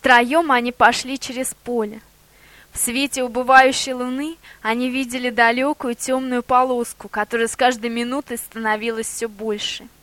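A woman narrating a storybook in an expressive reading voice. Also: on the high side, moderate pace, no room sound.

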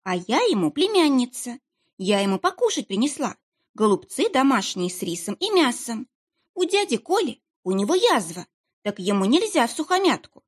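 A woman doing a whiny, husky young woman. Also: a little high, very animated, moderate pace, voice pushed up. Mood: pitiful chatter. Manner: pitiful, trembling, rambling chatter.

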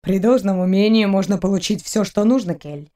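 A woman voicing a calm, smug male alien spy in an audiobook, speaking quietly and coolly. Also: on the low side, normal speed, lightly acted. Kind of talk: audiobook character reading.

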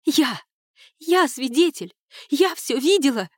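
A raised, strained voice of a grieving young woman hurling accusations through tears, as a woman reading a novel puts her on. The sound is dry and close, with a lifted pitch. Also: moderate pace, no echo, close to an everyday voice. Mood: furious, tearful. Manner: shouting, tearful, accusing. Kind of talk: audiobook character voicing.

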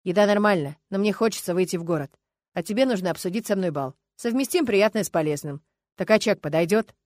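A woman's voice: medium pitch, fast talker, darkish tone, dry recording, close to an everyday voice. Curt, bossy young dragon guy from an audiobook, read by a woman, dry close sound, no room. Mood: coaxing. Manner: curt, bossy, self-assured. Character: arrogant commanding young male dragon student. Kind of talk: audiobook character voice.

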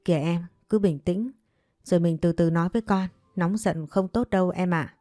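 A woman's voice: fairly low pitch, moderate pace, mellow, no room sound, clean studio sound, soft background music, close to an everyday voice. A woman reading the lines of a middle-aged stepfather in a storybook narration, speaking in a soothing, placating way. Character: smooth-talking stepfather, man, middle-aged.

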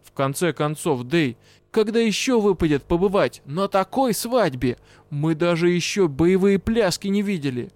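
A man voicing a brash male dark elf partner in an audiobook, gruff, teasing and bluntly scolding. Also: high voice, lively intonation, moderate pace, no echo, pitched above the performer's own voice. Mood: firm. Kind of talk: audiobook character voice.

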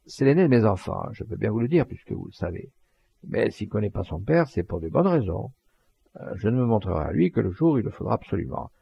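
Boastful rustic poacher read by a man, gravelly, husky, lively, dry lo-fi audiobook. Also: fairly low pitch, quick pace, no room sound, full character voice. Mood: vexed. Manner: earthy, plain-spoken, emphatic. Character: blunt, boastful rustic male poacher-hunter.

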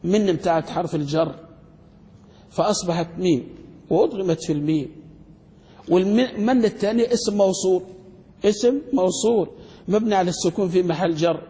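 A man teaching a grammar class as a sheikh, firing quick questions at his students and restarting words as he searches for them. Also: high voice, warm tone. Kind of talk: classroom lecture. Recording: long hall reverb.

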